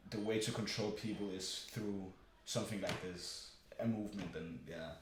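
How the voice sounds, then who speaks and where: A young man with a very low voice rambles through a casual chat, swearing often and filling gaps with ums and uhs. His voice rings around a strongly echoing room, with faint noise behind. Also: normal speed. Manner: profane, rambling, many fillers.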